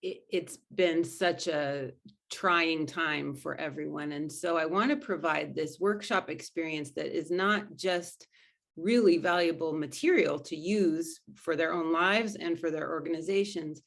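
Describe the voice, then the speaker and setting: In an unhurried, steady manner, a woman with a low, gravelly voice answers interview questions as a spiritual coach. She is earnest and reflective, frequently circling back and restarting to put things another way.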